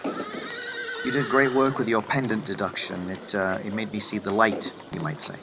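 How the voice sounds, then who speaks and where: A man's voice: on the low side, sing-song, moderate pace, dull audio, background noise. A man acting a whimsical, boastful time traveller in a playful, wisecracking, theatrical radio drama style. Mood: tender, wistful.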